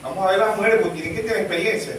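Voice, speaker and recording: A man preaching a sermon as pastor, animated and full of rhetorical questions. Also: sits high, very fast, slight background noise. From Venezuela. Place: church sanctuary. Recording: echoey church room, mic far off.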